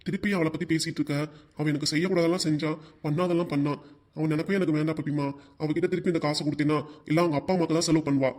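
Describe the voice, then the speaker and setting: A man voicing a fast-talking bitter shopkeeper. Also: fairly high pitch, fairly even intonation, darkish tone, close to an everyday voice. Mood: aggrieved. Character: middle-aged shopkeeper husband, bitter about his wife. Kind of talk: Tamil cartoon voice acting.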